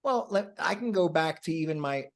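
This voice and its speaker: A man's voice: on the high side, lively intonation, normal speed. A man being interviewed as a coach, speaking earnestly and often stammering as he restarts his sentences. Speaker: coach and guest. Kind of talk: conversational interview.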